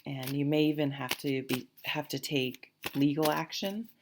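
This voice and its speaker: With a noisy background behind her, a deep-voiced woman gives an easygoing tarot reading at a moderate pace and fairly even intonation. She's sniffly, stuffed-up and a bit nasal from allergies, rambling reassuringly with many fillers and restarts.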